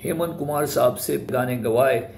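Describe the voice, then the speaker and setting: With a medium-pitched, creaky, darkish voice at normal speed, a man hosts an informal explainer on film music history. He speaks Hindi laced with English words and mentions artists respectfully, while the recording carries a roomy echo and faint background noise.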